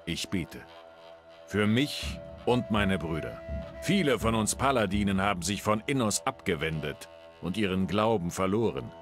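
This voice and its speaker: A man's voice: low voice, lively intonation, measured pace. An actor playing a devout male paladin who prays for his brothers, speaking solemnly and earnestly. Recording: game audio with faint music.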